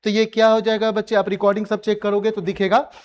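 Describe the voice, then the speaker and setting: A man's voice: high-pitched, flat delivery, quick pace. A man teaching a maths class, teasing and coaxing his students to answer, slipping English phrases into his talk. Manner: mixes English phrases into speech. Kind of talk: classroom lecture.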